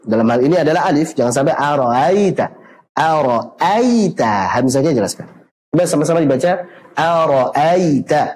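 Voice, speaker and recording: A man teaching Quran recitation rules online, asking questions and answering them himself, with slow drawn-out recited examples. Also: on the high side, a little mellow, a little hiss or hum, rough recording.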